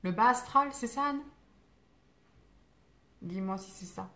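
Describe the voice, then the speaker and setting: A woman's voice: mid-range voice, lively intonation, slow, sharp tone. A woman hosting a live stream as a spiritual medium, talking casually and answering viewer comments, with many fillers, restarts and digressions in a reassuring tone. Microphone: phone.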